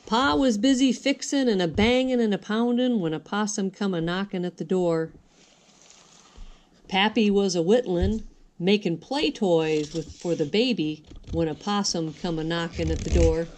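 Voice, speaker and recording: A sweet old lady reads a picture book aloud in a folksy, singsong rhythm, dropping her g's as she goes. Her voice sits at a middle pitch for a woman. The recording carries noise and small clicks. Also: moderate pace, darkish tone. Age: older. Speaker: grandmother reading a picture book. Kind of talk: storybook read-aloud.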